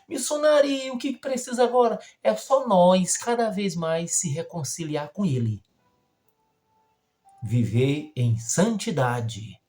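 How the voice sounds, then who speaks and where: Slow, emphatic Brazilian missionary preacher. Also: male voice, medium pitch, dark tone. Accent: Brazilian Portuguese. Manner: slow, emphatic, folksy, reads scripture aloud. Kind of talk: sermon-style Bible teaching.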